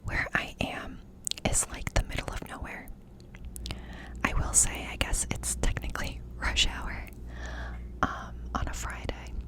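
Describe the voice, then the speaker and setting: A woman speaks entirely in a soft, breathy whisper, very close to the microphone as if cupping it. She chats intimately in an ASMR style, confiding in the listener and lingering on repeated phrases. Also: unhurried. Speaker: ASMR creator. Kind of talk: whispered ASMR life-update chat. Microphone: close mic with cupped whispering.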